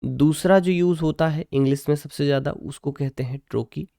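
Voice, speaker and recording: Speaking a little high, with vocal fry and a warm tone, this teacher blends Hindi and English as he covers English literature. He keeps checking in with "ठीक है" and slows sharply when dictating definitions.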